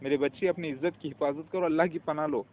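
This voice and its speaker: A man giving a long preachy personal message in a pleading tone, calling the listener his daughter and now and then shouting at barking dogs. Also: a little high, fairly even intonation. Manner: shouts at barking dogs, breaks off mid-phrase. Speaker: self-proclaimed religious claimant. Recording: phone-like lo-fi with faint noise.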